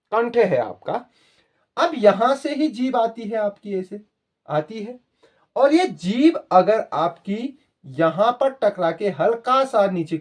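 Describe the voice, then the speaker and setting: Male teacher explaining hindi spelling, slow and patient, voice goes up and down a lot. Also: high voice, a little mellow. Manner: slow, explaining patiently to students, repeating words; addresses viewers as children. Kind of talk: spoken grammar lesson.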